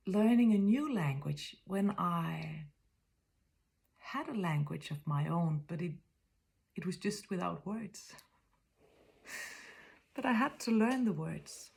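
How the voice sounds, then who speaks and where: A woman from Denmark, in her fifties, with a lowish, creaky voice and a Danish accent, delivers a thoughtful spiritual monologue. Softly and often in a whisper, she halts while searching for what to say.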